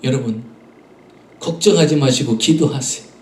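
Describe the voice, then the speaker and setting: A man's voice: medium pitch, normal speed, a little mellow, echoey room, far from the mic. A man preaching a Sunday sermon as pastor, earnestly addressing the congregation and acting out voices in his stories. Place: church sanctuary.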